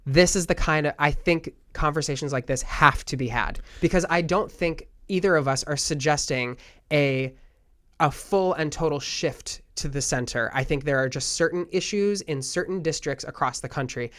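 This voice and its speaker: A young man in casual political talk, earnest and reflective, thinking out loud. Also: a little high, normal speed. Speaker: podcast host.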